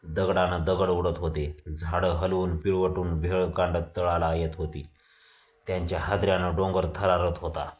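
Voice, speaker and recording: A man reading a novel aloud as a storyteller, with steady, even narration. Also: sits low, normal speed, roomy sound. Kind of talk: audiobook reading of a Marathi novel.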